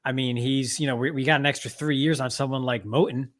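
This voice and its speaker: A man's voice: mid-range voice, steady tone, fast, a bit bright, dry recording. A man co-hosting a sports podcast, chatting casually with jokey, wry asides. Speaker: podcast co-host.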